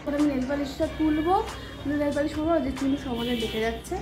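A young woman chats in a quick, high voice while she does her makeup for the camera. She sounds a little worn out, and music plays underneath her talk. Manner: chatty, talks while doing her makeup. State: tired. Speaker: vlogger. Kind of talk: casual vlog chat.

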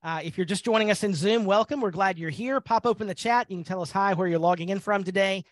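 An upbeat man with a fairly high voice hosts a live training webinar, chatting with fillers. The sound is close and dry, like a video call mic. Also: fast, dry recording. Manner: upbeat, conversational, many fillers. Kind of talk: friendly webinar hosting.

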